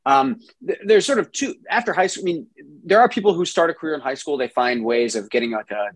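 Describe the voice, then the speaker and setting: A New Jersey software engineer, a man, answers interview questions in a relaxed manner, full of ums and restarts. His voice sits fairly high, with a breathy edge, and he talks fast; there's no echo.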